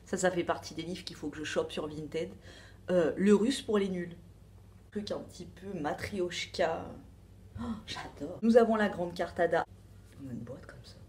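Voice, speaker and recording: A woman's voice: lowish voice, normal speed, a little mellow. Chatty French woman unboxing beauty products. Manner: chatty, rambling, full of asides and fillers. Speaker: beauty box reviewer. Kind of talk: casual unboxing chat.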